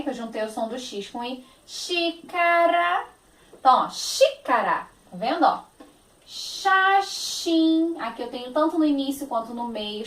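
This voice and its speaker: A woman's voice: fairly high pitch, reverberant. A woman teacher with a Brazilian Portuguese accent, giving a phonics lesson to young children, stretching out words in a sing-song, affectionate manner.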